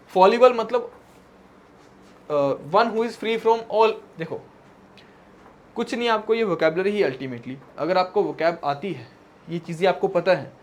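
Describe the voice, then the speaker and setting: A man teaching English vocabulary for an exam in a mixed Hindi and English lecture, reading English definitions out slowly and checking in with students. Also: high voice. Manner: tag questions to students.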